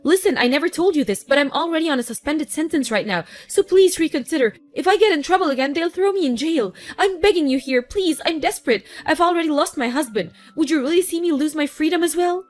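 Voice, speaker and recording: A woman's voice: high-pitched, lively intonation, fast talker, few pauses, faint music behind. A woman voicing a desperate, abusive sister-in-law who pleads and begs in a scripted story. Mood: begging. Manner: pleading, begging.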